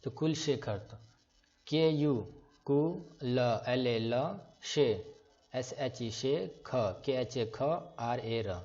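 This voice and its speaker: Guy teaching a class, slow and patient, spells stuff out letter by letter, kinda dull lo-fi sound. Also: medium pitch, a little mellow. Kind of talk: online class on writing names in English letters. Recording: slightly dull lo-fi recording.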